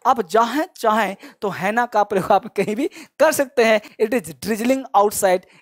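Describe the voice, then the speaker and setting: Male English teacher with a fairly high voice, drills phrases slowly and encourages learners. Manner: drills example sentences slowly and repeatedly; encouraging, chatty asides to learners. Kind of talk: online language lesson.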